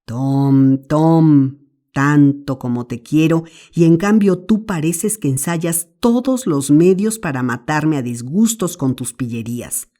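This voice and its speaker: Brief: flustered old aunt, stern but loving, mellow voice, read by a woman. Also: deep voice, animated, slow pace. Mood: scolding. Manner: scolding, flustered.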